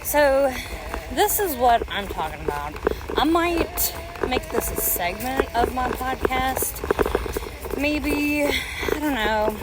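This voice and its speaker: Slow-talking woman musing on an outdoor walk. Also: high-pitched, animated. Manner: musing aloud while walking. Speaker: podcast host and mother. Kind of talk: casual unscripted podcast monologue. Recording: outdoor walking recording, loud ambient noise. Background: crunching dry leaves underfoot, outdoor noise.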